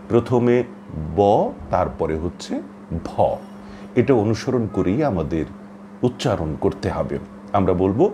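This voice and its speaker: A man giving a pronunciation lesson, speaking slowly and carefully and drawing out example words. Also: on the low side, dark tone, slight background noise. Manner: slow, careful, drawn-out word demonstrations. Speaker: pronunciation teacher. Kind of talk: instructional talk.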